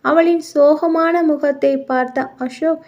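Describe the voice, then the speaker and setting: A woman narrating an audio novel in a steady, dramatic storytelling manner, on muffled lo-fi audio. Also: high-pitched, slow pace.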